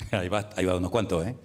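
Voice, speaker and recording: A male pastor with a Spain Spanish accent preaching a sermon, lively and direct, with frequent rhetorical questions to the congregation. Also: low-pitched.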